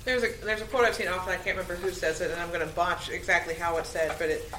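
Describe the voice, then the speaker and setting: A woman in a casual faith discussion, talking haltingly with many conversational filler phrases. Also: on the low side, steady tone. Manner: halting, frequent "you know". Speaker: podcast panelist. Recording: roomy, noisy live space.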